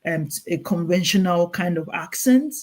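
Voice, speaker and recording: Here a clinical nurse specialist with a Nigerian accent talks as an interview guest, her fairly low voice expressive and her pace moderate. The explanation is earnest and urging, full of restarts and repetitions.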